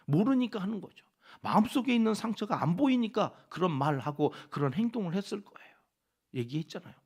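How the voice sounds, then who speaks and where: A man preaching a dawn prayer sermon in a church, with a Chungcheong Korean accent, dropping from loud exhortation to hushed whispered asides. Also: sits high, very animated, brisk, slightly rough. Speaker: pastor. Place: church sanctuary.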